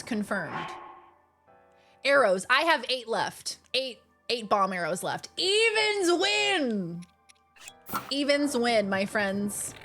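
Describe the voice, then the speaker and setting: A woman chatting casually and playfully as she comments on the game she is streaming, expressive and a bit silly. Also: mid-range voice. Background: game music.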